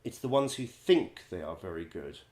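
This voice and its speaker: A man, a musical director and vocal coach, telling wry stories in a chatty way, laughing often and filling pauses with ums. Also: low-pitched, animated, a little mellow, roomy sound. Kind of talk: casual anecdote-telling.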